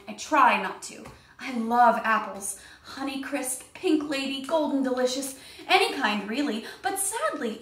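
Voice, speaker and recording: A woman's voice: high-pitched, echoey room, recorded from a distance. A young adult woman reading a picture book aloud expressively as a storytime teacher. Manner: expressive, playful.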